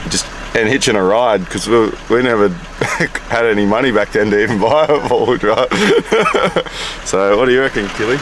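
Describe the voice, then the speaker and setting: Aussie outdoors vlogger, low voice, easy laughing yarn-spinner, faint background hum. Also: male voice, lively intonation, normal speed. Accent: Australian. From Australia. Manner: laughing storyteller, swears freely. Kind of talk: casual chat. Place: outdoors at a campsite.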